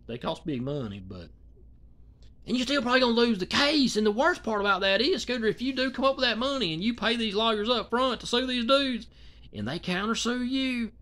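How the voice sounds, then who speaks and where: A man in his thirties with a high, sharp voice rambles through casual, colloquial vlog commentary full of restarts and asides. He's filmed close up in a small, dim room, with a phone or webcam mic near his face.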